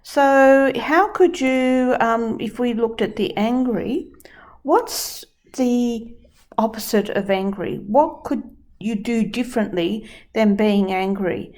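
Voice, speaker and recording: A woman's voice: fairly high pitch, takes it slowly, a little mellow. A woman teaching dream work who talks through a client example step by step. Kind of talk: explaining a dream-work session.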